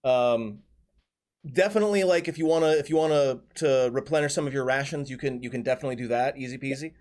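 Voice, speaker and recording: A man running a tabletop game as game master, with a relaxed manner and many ums and restarts. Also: mid-range voice, fast talker.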